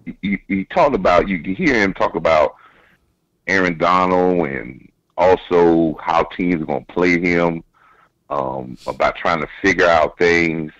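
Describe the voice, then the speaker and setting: A man's voice: deep voice, a little slow, fairly bright tone, no echo. A man calling in over the phone, a football coach chatting casually and repeating words as he builds his point. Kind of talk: casual sports chat. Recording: dull dry phone line.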